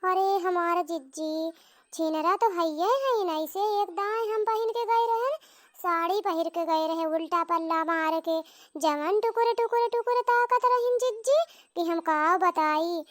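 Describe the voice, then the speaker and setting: A woman's voice: very high voice, a little slow, no echo, studio quality. A woman voicing a boastful, gossipy middle-aged village aunt in a comedy cartoon.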